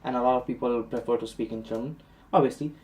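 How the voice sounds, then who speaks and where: A man's voice: mid-range voice, fairly even intonation, fast talker, darkish tone, breathy edge. A man from India, a travel vlogger, telling his story in an exasperated, self-mocking way. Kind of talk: vlog narration and commentary.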